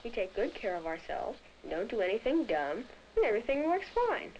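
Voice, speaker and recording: A woman's voice: a little high, wildly swooping pitch, a little fast, darkish tone. A woman playing a curious, teasing child in scripted 1970s educational film dialogue. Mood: playful. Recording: dull, faintly noisy vintage film soundtrack.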